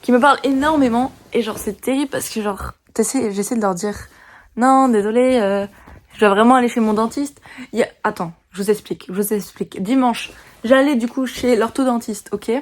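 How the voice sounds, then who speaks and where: A woman's voice: fairly high pitch, normal speed, darkish tone. Chatty young woman venting in a vlog. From France. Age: teens. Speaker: vlogger. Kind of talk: casual storytime vlog.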